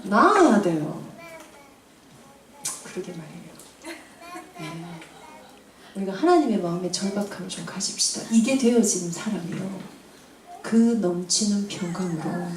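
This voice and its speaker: A woman in her forties preaching to mothers, acting out family scenes in an animated way. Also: medium pitch. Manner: animated, acts out family scenes with audience laughter. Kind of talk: sermon. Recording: roomy hall from a distance.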